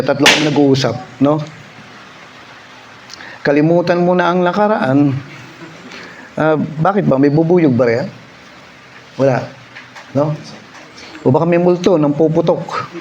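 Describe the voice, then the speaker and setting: A man's voice: on the high side, muffled recording, slight background noise. A male pastor preaching a sermon in a church, telling a story and repeating lines for effect. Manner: storytelling, acts out voices, repeats phrases for effect.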